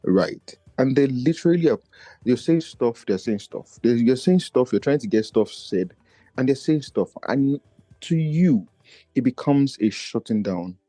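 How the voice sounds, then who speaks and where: A Nigerian podcast guest speaks a little slowly but with lively intonation, his dark, low voice one he feels fails to carry. Reflecting personally, he's earnest and searching and often begins his thoughts anew. Soft background music plays, and there's no echo.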